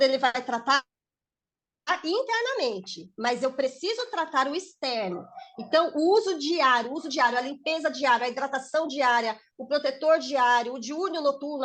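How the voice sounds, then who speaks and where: A woman sales consultant coaching her peers in casual talk, persuasive and animated. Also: sits high. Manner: persuasive, animated, acts out client dialogue.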